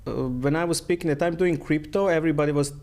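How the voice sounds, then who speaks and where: A man's voice: fairly high pitch, steady tone, quick pace, a little mellow. A middle-aged man from Croatia, a guest in a casual interview, speaking in phrasing and often repeating his words.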